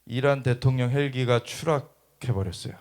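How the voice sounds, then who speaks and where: A man's voice: medium pitch, normal speed, a little mellow. A man preaching in church, explaining a video clip in an emphatic manner. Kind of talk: sermon commentary on a video.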